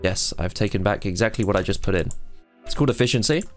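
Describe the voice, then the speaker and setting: Joking gamer narrating play. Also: male voice, on the low side, lively intonation, quick pace, faint music behind. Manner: joking, theatrical asides, mock-dramatic. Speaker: gaming YouTuber. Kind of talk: let's play commentary.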